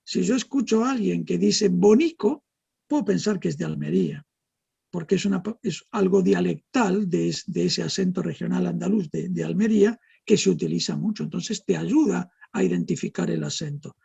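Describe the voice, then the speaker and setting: A middle-aged man from Argentina with an Argentine accent softened by years in Spain, explaining things in a measured way and often adding tag questions as an interview guest. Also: high-pitched, vocal fry, breathy edge. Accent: Argentine, softened by decades in Spain. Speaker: guest neurologist. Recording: dull, muffled audio.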